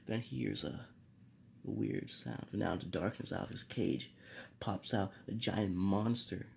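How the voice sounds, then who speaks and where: A young man with a low, gravelly voice casually tells a homemade fan story, stumbling over fillers and restarts as he goes. Faint noise sits behind his voice. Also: measured pace. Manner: rambling with many fillers and restarts.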